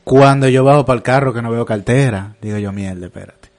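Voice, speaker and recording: A Dominican man hosting a podcast, telling a story about himself in a relaxed, self-mocking, slangy way. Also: medium pitch, brisk. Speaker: podcast host. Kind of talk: casual storytelling chat.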